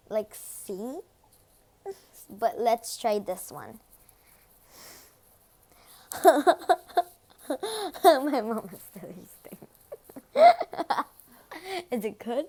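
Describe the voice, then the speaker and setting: A woman films a casual ASMR eating vlog on a phone, speaking slowly in a slightly high voice. She is chatty and giggly, slipping into whispers between loud, delighted reactions. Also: sing-song. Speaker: vlogger.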